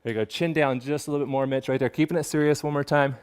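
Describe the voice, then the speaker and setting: A man's voice: mid-range voice, fairly even intonation, racing, clear, resonant tone. A man who is a portrait photographer, teaching in his studio while directing a model in a casual way, with many fillers. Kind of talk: hands-on studio demonstration.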